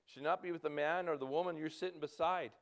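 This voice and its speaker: A man in his fifties with a Canadian accent, preaching a sermon in a halting way, repeating words and breaking into urgent calls to act. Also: fairly high pitch. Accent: Canadian English. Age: 50s. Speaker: pastor.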